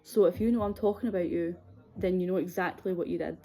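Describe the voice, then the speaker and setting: Low, mellow-voiced young Scottish woman, conversational. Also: steady tone, quick pace, soft background music. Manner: candid, hesitant, conversational. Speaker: video series host. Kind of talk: personal confessional storytelling.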